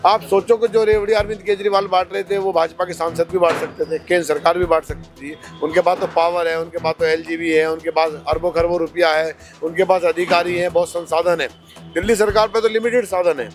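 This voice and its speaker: A man's voice: sits high, fairly even intonation, brisk, music in the background. A male politician answering interview questions, arguing his party's case with rhetorical questions. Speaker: politician, candidate.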